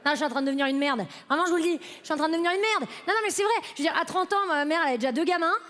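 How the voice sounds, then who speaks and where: There's background noise as a late-twenties woman does her stand-up set at a comedy festival, speaking straight to the live audience in a chatty, self-deprecating way. She has a very high voice and delivers her lines rapid-fire.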